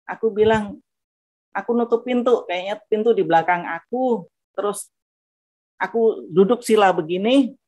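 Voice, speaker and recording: A woman with a Javanese accent giving a personal testimony in a chatty, animated storytelling way. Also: mid-range voice, measured pace, long pauses, dry recording, highs cut off. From Central Java, Indonesia. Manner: animated, acts out dialogue; chatty, frequent fillers.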